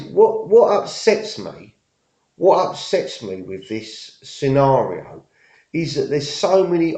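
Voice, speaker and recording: A man's voice: medium pitch, a little mellow. A middle-aged man, telling a story in a rambling, casual monologue, often repeating himself and using working-class slang. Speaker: vlogger. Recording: echoey room, dull lo-fi sound.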